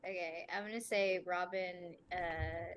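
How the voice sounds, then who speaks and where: A woman's voice: fairly low pitch, fairly even intonation, a little slow, smooth. A woman playing a tabletop game, chatting eagerly with the table. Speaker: player. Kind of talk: casual chat at a tabletop game.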